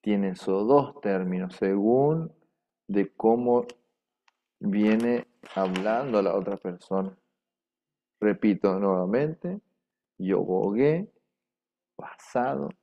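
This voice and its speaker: A man teaching a language class, repeating words slowly and carefully and dictating them for students to write down. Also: on the low side. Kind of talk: slow repetitive language class. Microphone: microphone. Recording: dull lo-fi room microphone.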